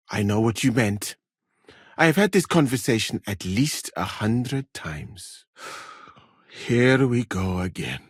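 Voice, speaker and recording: An actor playing a courteous, dryly witty medieval scholar and physician from Mali in a video game, speaking in formal, measured, precise words. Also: male voice, fairly low pitch, breathy edge, dry recording, studio quality. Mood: weary. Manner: formal, measured, precise wording without contractions. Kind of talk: video game character dialogue.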